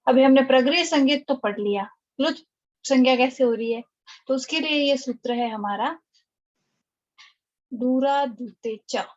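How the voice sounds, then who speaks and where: A woman's voice: high voice, brisk, highs cut off. A woman teaching an online lecture, explaining step by step and often checking that students follow.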